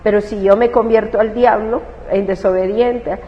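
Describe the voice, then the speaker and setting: A woman's voice: mid-range voice, fairly even intonation, moderate pace. A woman pastor with a Salvadoran accent telling her testimony in an interview. She speaks with feeling and acts out the words she once said. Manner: emotional storyteller who acts out her own past words. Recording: roomy, dull recording with faint hiss.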